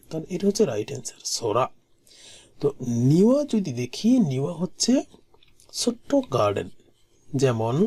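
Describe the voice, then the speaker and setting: A language teacher giving a recorded exam-prep lesson, patiently repeating each word slowly and sometimes dropping to a soft murmur. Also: mid-range voice, husky.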